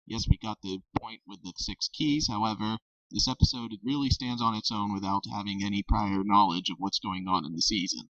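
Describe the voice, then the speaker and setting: A man's voice: lowish voice, fairly even intonation, fairly quick, fairly bright tone, no room sound. A man co-hosting a casual review discussion, explaining his views earnestly. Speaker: podcast co-host. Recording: dull dry lo-fi mic.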